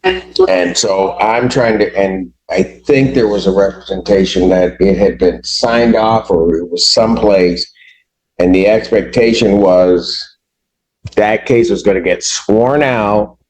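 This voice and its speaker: A man serving as a judge, speaking from the bench in a courtroom recording, halting and restarting his sentences as he grows exasperated. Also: fairly low pitch, darkish tone, poor audio.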